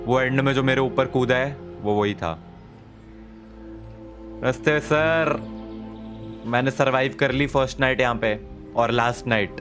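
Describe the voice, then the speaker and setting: A man giving joking playthrough commentary, mixing Hindi and English in quick chatter. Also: medium pitch. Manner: talks fast over the music. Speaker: gaming YouTuber. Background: game music.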